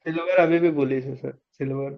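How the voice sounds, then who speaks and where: A man's voice: fairly high pitch, fairly even intonation, a little fast, creaky, lo-fi sound, faint music behind. A man calling in to ask a mentor about trades, polite and deferential, saying sir again and again. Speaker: caller. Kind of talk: casual chat.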